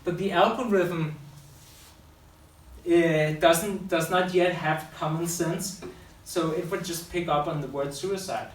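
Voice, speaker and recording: In an echoey room, recorded from far away with faint hiss, a man speaks to an audience in a fairly high, steady-toned voice at a slow pace. He is a public speaker and school teacher whose unscripted talk is loose, and he often corrects himself in the middle of sentences.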